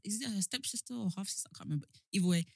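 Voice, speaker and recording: A woman's voice: medium pitch, rapid-fire, gravelly, background noise. A woman with a London British accent co-hosting a casual, opinionated chat, speaking emphatically and repeating words for emphasis. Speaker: podcast co-host.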